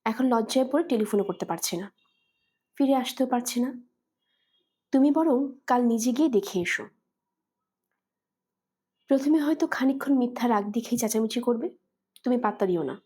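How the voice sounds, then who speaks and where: A woman's voice: a little high, expressive, normal speed, pauses often, dark tone, breathy edge. A woman voicing a young daughter who reasons patiently with her angry mother. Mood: gentle. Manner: patient, pleading.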